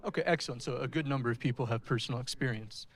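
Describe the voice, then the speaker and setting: Speaking very fast in a mid-range voice, a man gives a technical presentation to an audience. He talks straight to his listeners, conference style.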